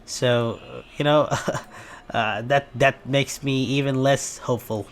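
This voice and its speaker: A man from Bangladesh reacts casually to a clip, laughing often and restarting his sentences as he goes. His voice sits at a plain middle pitch. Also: steady tone, slight background noise. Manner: laughing, halting, with frequent restarts. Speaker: reaction video host.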